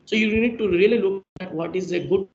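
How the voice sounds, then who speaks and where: A man's voice: sits high, brisk. A man giving a technical presentation on a video call, explaining each point step by step and summing up, heard through a screen recording. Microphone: computer mic on a video call. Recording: echoey, dull video-call audio with faint hiss.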